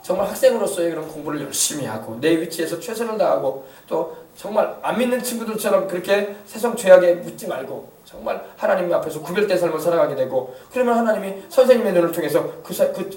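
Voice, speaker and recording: A male pastor preaching a lively sermon, drawing responses from the congregation and acting out what people say. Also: sits high, fast talker, hardly any pauses. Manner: animated preaching with call-and-response and acted-out quotes. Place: church sanctuary. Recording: echoey church hall from a distant mic.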